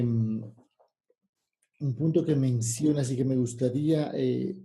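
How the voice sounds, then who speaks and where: Slow, dark-voiced interviewer man. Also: mid-range voice. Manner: measured, elaborate phrasing, rephrasing each question several ways. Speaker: interviewer host. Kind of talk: interview questions.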